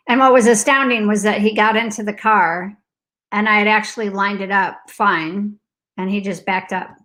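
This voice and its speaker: Bright, animated middle-aged woman telling a story. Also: mid-range voice, normal speed. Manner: animated, acts out alarms and shouted outbursts, laughs often; talks in loose fragments with many likes. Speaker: host. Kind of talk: casual personal storytelling.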